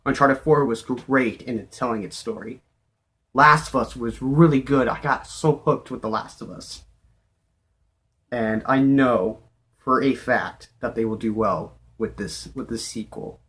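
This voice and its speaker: Male gaming vlogger, mid-pitched, casual and unscripted, overexcited fan who gushes and repeats himself. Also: measured pace, a bit bright. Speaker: video game vlogger.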